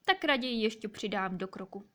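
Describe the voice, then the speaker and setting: A woman voicing a hurried, sly female fox in a children's story. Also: mid-range voice, animated, sharp tone. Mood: nervous.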